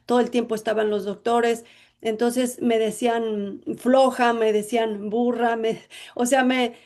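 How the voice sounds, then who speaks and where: A woman's voice: fairly high pitch, little pitch movement, measured pace, darkish tone. A middle-aged woman from Jalisco with a Mexican accent, a coach telling her life story in an interview with many "bueno, pues" fillers. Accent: Mexican Spanish. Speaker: interview guest, emotional intelligence coach.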